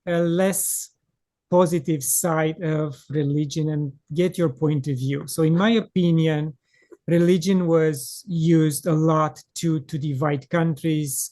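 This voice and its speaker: A man from Romania, speaking as an English speaker, hosting a podcast interview in a measured, earnest way and pausing often to find his words. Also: a little high, darkish tone, dry recording. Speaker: podcast host. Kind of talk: conversational interview.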